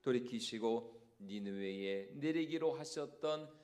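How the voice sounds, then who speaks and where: A male senior pastor preaching a Sunday sermon in a church sanctuary, animated and questioning the congregation. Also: mid-range voice, measured pace.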